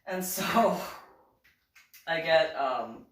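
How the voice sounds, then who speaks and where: Speaking far from the mic in an echoey room, a woman veteran with a deep voice draws out her words as she shares a personal story casually. She is animated throughout, chuckling frequently and imitating the others involved.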